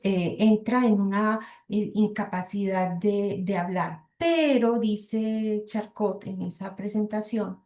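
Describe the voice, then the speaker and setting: This is an academic lecture from a middle-aged woman whose Colombian Spanish accent comes through in a mellow, mid-range voice, echoing around the room. Reading passages and reasoning aloud, she hesitates often and tosses rhetorical asides to those listening.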